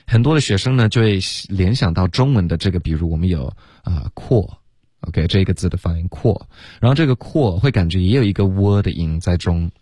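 A man teaching English on a radio lesson, patiently explaining pronunciation step by step and demonstrating sounds slowly. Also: low voice, animated, dark tone, dry recording, clean studio sound. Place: radio studio.

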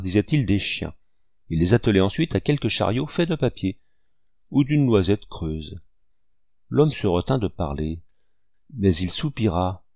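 A man reads an old storybook aloud, measured and expressive. His voice sits low with a gravelly edge, and the recording is dry and close. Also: dry recording. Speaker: audiobook reader. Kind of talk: storybook reading.

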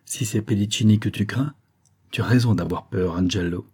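A man's voice: lowish voice, moderate pace, mellow, husky. A man reading the part of a streetwise female police captain who talks bluntly and matter-of-factly. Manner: blunt, slangy, matter-of-fact.

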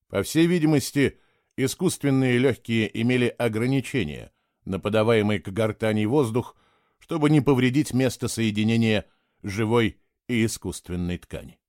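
A male audiobook narrator delivers scripted narration in a steady, measured storytelling voice of medium pitch. The sound is clean studio audio with no echo.

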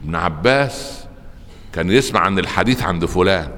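A man with an Egyptian accent giving a religious lesson to a live audience, telling stories with lively asides and tossing rhetorical questions to his listeners. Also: sits low, a little fast, in a large hall. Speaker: preacher teaching a religious lesson.

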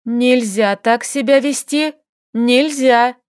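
A woman reading an audiobook voices a frantic young woman, shrill and panicked. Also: takes it slowly, clean tone, no echo, studio quality. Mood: scolding, shaky. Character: panicky young woman facing monster flowers.

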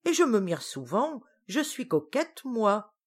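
A woman's voice: medium pitch, expressive, unhurried, pitched above the performer's own voice, close to an everyday voice. A woman voicing a vain, grumpy witch who complains indignantly. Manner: indignant, whiny.

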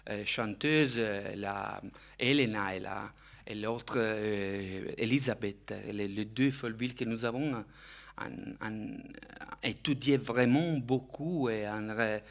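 A man's voice: lowish voice, slow. A man with a foreign, Italian accent in French, an orchestra conductor being interviewed, who searches for words and slips into his native Italian. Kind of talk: live radio interview.

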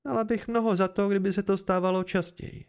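A man's voice: high voice, fairly even intonation, smooth, voice pushed up. Man putting on a fierce haughty noblewoman. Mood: indignant. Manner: sharp, indignant outbursts. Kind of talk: amateur audiobook reading.

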